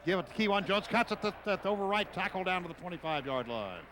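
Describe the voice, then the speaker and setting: Expressive and fast-talking, this American man has a high voice as he calls live football for radio in short, clipped phrases. The broadcast, from an outdoor stadium, is noisy.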